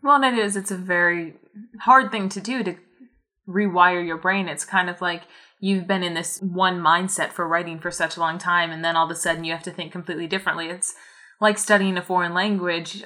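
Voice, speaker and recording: A woman co-hosting a podcast in casual conversation, lively and fond of retelling stories with acted-out quotes. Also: fairly low pitch, fairly quick. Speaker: marketing head and podcast co-host.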